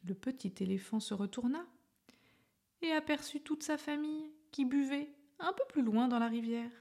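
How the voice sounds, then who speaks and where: Soft husky woman reading a children's story. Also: high-pitched, normal speed. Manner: soft, gentle, often breathy and whispered.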